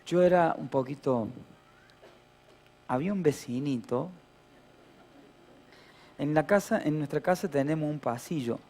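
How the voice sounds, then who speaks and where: A man's voice: fairly high pitch, a little slow, long pauses, a little mellow. A middle-aged man with a Rioplatense Spanish accent, preaching a sermon as pastor and telling a childhood story with playful humor and acted-out voices.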